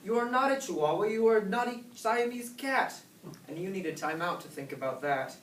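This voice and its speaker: Man playing a bossy, high-voiced mama cat. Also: a little fast, a bit bright, lightly acted. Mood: scolding. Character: scolding, coaxing mother cat. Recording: roomy, distant, noisy recording.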